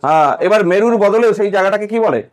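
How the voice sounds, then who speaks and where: A man's voice: high voice, animated, racing. A man teaching physics in a classroom lecture, asking the students questions and repeating key points.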